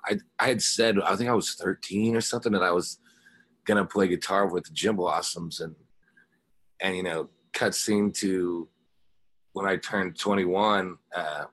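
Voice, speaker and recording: Appearing as a guest in an interview, this American rock guitarist and singer, raised in a small Missouri Ozarks town, rambles through casual anecdotes, often saying "you know." He speaks a little slowly in a low, slightly bright voice with fairly even intonation.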